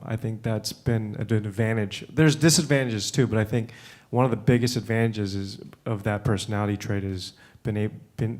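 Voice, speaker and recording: A man with a fairly low voice, raised in the United States, speaks as a panelist in a conference room. He talks in a loose, relaxed way, often stopping to restart and filling pauses with "um" and "uh."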